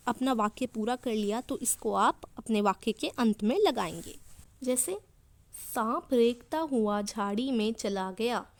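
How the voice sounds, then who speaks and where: A woman teacher explaining a grammar lesson to young children, repeating and rephrasing each point. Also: a little high.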